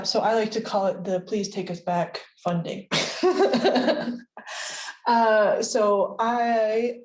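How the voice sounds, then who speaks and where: A medium-pitched, darkish female voice with an American accent leads a chatty, friendly research seminar in a university seminar room. The audio sounds roomy, and she often uses fillers and light laughs.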